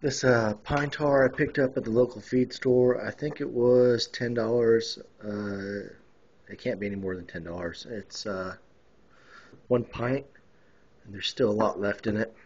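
A man in a casual show-and-tell, talking hesitantly with many pauses and fillers, recorded on a phone video. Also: medium pitch, fairly even intonation, a little mellow, a little hiss or hum. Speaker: hobbyist showing his rifle refinish. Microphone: phone camera mic. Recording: dull lo-fi phone video audio.

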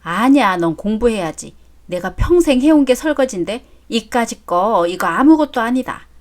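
Reading a story drama aloud, a woman voices a brash, greedy older mother-in-law who talks bluntly and coarsely. Her fairly high voice has lively intonation and a slightly mellow quality close to an everyday voice, at normal speed, with a softened mood.

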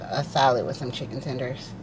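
A woman who vlogs about delivery driving chats and rambles casually to viewers from behind the wheel, in a bass voice. Her dashboard camera mic catches heavy road and car noise from the moving vehicle.

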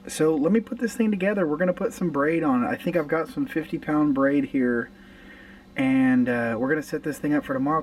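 A man's voice: medium pitch, recorded from a distance, a little hiss or hum, rough recording. A man in his thirties chatting casually to camera about fishing gear in his home garage late at night, with fillers and restarts. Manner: relaxed, rambling with fillers and restarts. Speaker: fishing vlogger. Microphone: camera close in front, handheld at times.

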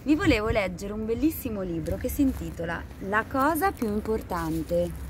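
A woman teacher reading a storybook aloud to children, animated and expressive. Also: medium pitch, normal speed, noisy background.

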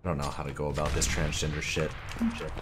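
A man streaming a shooter game, swearing loudly, yelling and laughing as he plays. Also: very deep voice, flat delivery, fast, over music. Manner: loud, profane, yelling and laughing often. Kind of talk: casual livestream gaming chat.

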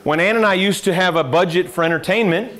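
Fast-talking and slightly bright, with a voice that sits high, a middle-aged financial adviser from the United States teaches a seminar in a live classroom. He keeps a conversational tone, poses questions to the room, and adds dry sarcasm along the way.

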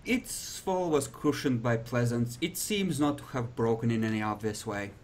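A man's voice: medium pitch, moderate pace, a little mellow. A man narrating a tabletop roleplaying game as game master, addressing players and describing scenes.

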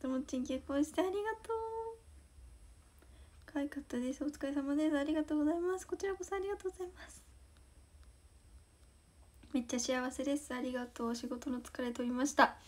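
A woman's voice: sits high, fast talker, long pauses. A teenage girl from Osaka with a Kansai accent, bashful and giggly, chatting casually on a livestream as she reads fan comments and thanks fans. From Osaka, Japan. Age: teens. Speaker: idol livestream host.

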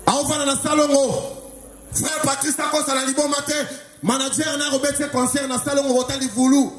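A Congolese man doing live stand-up, telling animated stories and shouting out the punchlines. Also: very high voice, normal speed. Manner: animated, often shouting punchlines, mixing two languages. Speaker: stand-up comedian. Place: live stage in a hall. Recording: echoey live hall with music.

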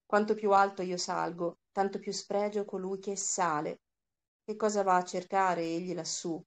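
A woman's voice: medium pitch, steady tone, normal speed, natural voice. A woman voicing a troubled, envious young man, reading his confession in an earnest way. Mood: anguished.

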